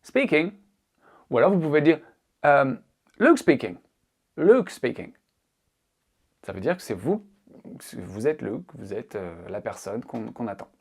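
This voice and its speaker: A man's voice: medium pitch, animated, normal speed, creaky, darkish tone, breathy edge. A man teaching a casual spoken language lesson, playful and joking as he explains. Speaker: English teacher.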